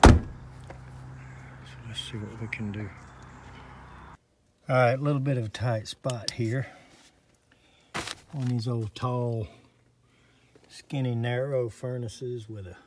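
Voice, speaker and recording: A man's voice: medium pitch, fairly even intonation, slow, pauses often, darkish tone, slight background noise. A man working as an HVAC technician, narrating his service call while filming, thinking aloud in a plain-spoken way from a cramped crawl space. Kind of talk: on-the-job vlog narration.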